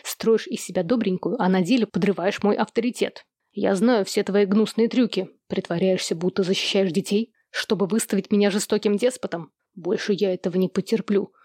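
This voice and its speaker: A woman voicing a domineering middle-aged father in an audiobook, who speaks slowly and harshly. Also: mid-range voice, darkish tone, no room sound, studio quality, close to an everyday voice. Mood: furious. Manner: slow, lecturing, harsh.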